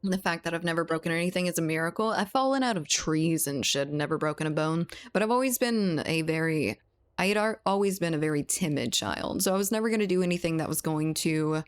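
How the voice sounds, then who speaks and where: Chatty and quick to laugh, a woman from South Louisiana talks with her viewers during a game stream, reading and replying to chat. Her voice is lowish and clean in tone, moving fairly quickly.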